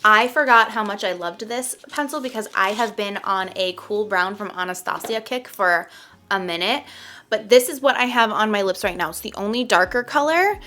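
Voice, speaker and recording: Young woman, beauty vlogger, bright clear tone, mid pitch, chatty, casual review, lots of fillers. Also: moderate pace. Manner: chatty, many "like" and "um" fillers, light laughs. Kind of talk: casual product review chat.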